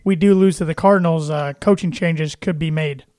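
A man's voice: on the high side, fairly even intonation, moderate pace, a little mellow, dry recording, studio quality. A man hosting a casual sports podcast, chatty and friendly, with frequent "uh" and "um" fillers. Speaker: podcast host.

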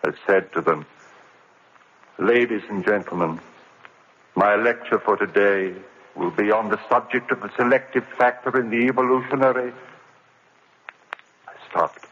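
An actor with a lowish, fairly bright, husky voice plays a tormented college lecturer losing his mind, delivering an intense, haunted 1940s radio drama performance. He speaks unhurriedly with frequent pauses, on a muffled, faintly hissy old recording.

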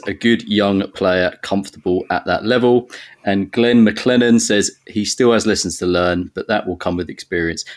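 A man hosting a fan podcast, chatting easily and reading out listener comments. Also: on the low side. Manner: easygoing, reads out listener comments. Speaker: podcast host. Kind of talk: casual football podcast chat.

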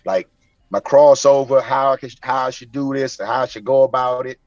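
A man in his forties tells his stories in an easy, animated way, slipping into the voices of people he quotes. His voice sits mid-range for a man. The sound is a bit dull and lo-fi, with a dry, close feel. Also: medium pitch, a little fast, dry recording. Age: 40s. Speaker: guest, former pro basketball player. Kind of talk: casual storytelling. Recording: slightly lo-fi, dry.

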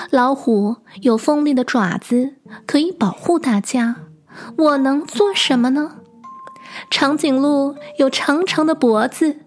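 A woman's voice: high-pitched, full character voice. A woman voicing a glum little mouse in a children's story, sighing and complaining in a whiny tone.

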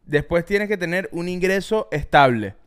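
A man's voice: sits high, lively intonation, normal speed, a bit bright, clean tone. A young man, co-hosting a podcast in laid-back, joking casual chat. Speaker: podcast co-host.

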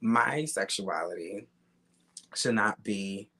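A man's voice: fairly low pitch, slow pace, sharp tone. A young man speaks. His talk is casual and candid, full of slang and swearing, and he drives points home by repeating them. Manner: emphatic, repetitive, slangy and profane.

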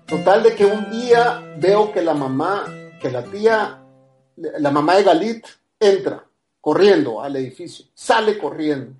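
A man's voice: fairly high pitch, darkish tone. A man with a Guatemalan accent, a podcast guest telling a personal story casually. He acts out the dialogue and keeps tagging his lines with a questioning "ah". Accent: Guatemalan Spanish.

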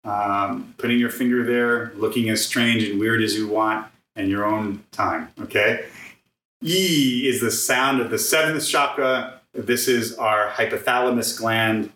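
Bright-voiced male sound healer, echoey room. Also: on the low side, unhurried, distant mic. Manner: demonstrates vowel tones by singing them; earnest, ends points with "right?". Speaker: vocal sound healer guest. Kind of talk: guided chakra sound teaching.

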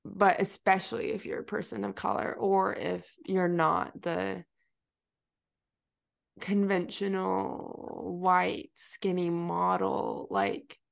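Speaking slowly with vocal fry, this young podcast host has a lowish, animated voice. Her casual interview chat is full of fillers, restarts and frequent laughter.

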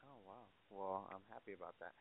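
A man's voice: deep voice, fairly quick, vocal fry. A man in his twenties from Southern California, calling in over a phone line. He talks hesitantly and rambles, with many fillers. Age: 20s. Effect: heard over a phone line. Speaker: caller. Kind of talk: call-in advice conversation. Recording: tinny phone line, faint and distant.

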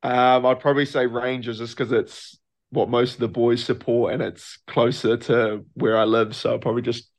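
A man's voice: mid-range voice, flat delivery, moderate pace. A young man with a New Zealand accent, a professional rugby player answering interview questions in a loose, laid-back way. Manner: laid-back, loose, lots of filler phrases.

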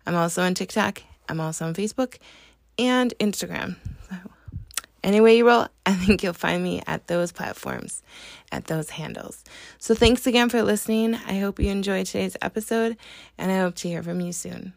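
An American woman gives a casual podcast introduction. Her pitch is average, with plenty of creak in the voice. The recording is dry, with little room sound. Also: moderate pace, dry recording. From Wisconsin, United States. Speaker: podcast host.

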